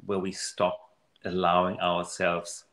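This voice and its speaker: A man giving an earnest, animated motivational talk in a casual conversation. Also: low voice, takes it slowly, roomy sound. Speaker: guest speaker on money mindset.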